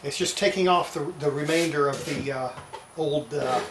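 An older woman with a low-pitched voice speaks at normal speed, giving casual, matter-of-fact narration as she works as a restorer demonstrating repairs. She's in a roomy indoor home workshop, with loud sanding and rubbing noise.

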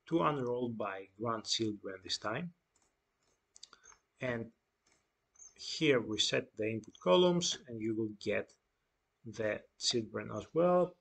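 Young guy explaining a screen-share tutorial, slow and kinda husky, lots of uhs. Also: mid-range voice, fairly bright tone. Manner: unhurried, explaining step by step with many fillers and restarts. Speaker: data engineering tutor.

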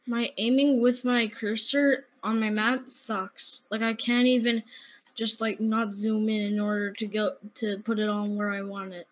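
Young guest gamer, high voice. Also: male voice, little pitch movement, measured pace. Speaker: gaming youtuber, guest. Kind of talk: casual gameplay chat.

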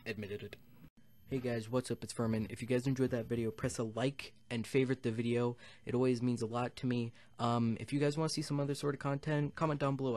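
A man's voice: medium pitch, darkish tone. A young man giving crude, joking gaming commentary, swearing often and dropping into whispered asides. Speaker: gaming YouTuber. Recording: keyboard clicks and typing behind voice.

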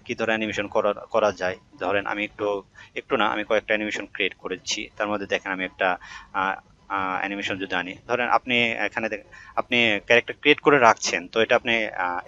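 A man giving a relaxed, screen-recorded software tutorial, talking the viewer through each step with frequent hesitations. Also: fairly low pitch, lo-fi sound, slight background noise. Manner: conversational, many hesitation fillers, addresses viewer directly.

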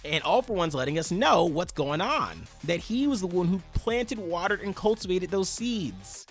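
Animated man chatting through a manga review. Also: high voice, normal speed, faint music behind. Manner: animated and chatty, addresses viewers as y'all. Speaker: manga review channel host. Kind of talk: casual manga chapter review.

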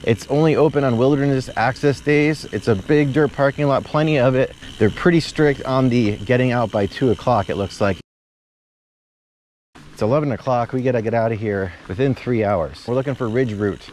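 A man's voice: mid-range voice, a little fast, a little mellow, slight background noise. A man in his thirties chatting and joking while riding mountain bike trails outdoors, recorded on an action camera. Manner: chatty, joking, rambling asides.

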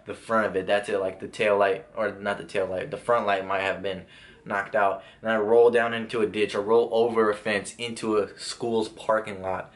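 A man's voice: fairly low pitch, flat delivery, moderate pace. Rambling young man telling a story. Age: young adult. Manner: rambling, restarts and many "like" fillers. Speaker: vlogger. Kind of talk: casual storytelling.

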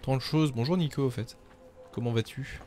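A man's voice: medium pitch, normal speed, warm tone. A man streaming a game, chatting casually with viewers and cracking self-mocking jokes. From France. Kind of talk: casual gameplay commentary.

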